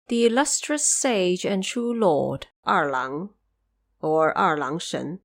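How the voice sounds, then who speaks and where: Woman playing a serene, measured Bodhisattva. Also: mid-range voice. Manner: measured, formal, deferential. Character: serene, humble female Bodhisattva advising the throne.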